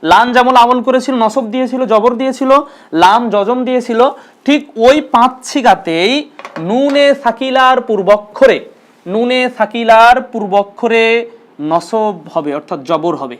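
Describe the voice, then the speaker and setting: A man's voice: extremely high pitch, normal speed. Guy teaching grammar online, goes over the same words again and again, asks stuff then answers it himself. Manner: patient, repeats terms, asks and answers own questions.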